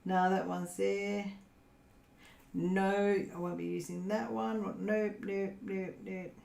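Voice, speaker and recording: A woman's voice: medium pitch, level tone, slow pace, creaky, a little mellow. Giggly Australian woman in an echoey room. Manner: giggly, rambling, many fillers. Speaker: crafting channel host. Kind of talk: casual livestream chat with viewers. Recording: roomy echo.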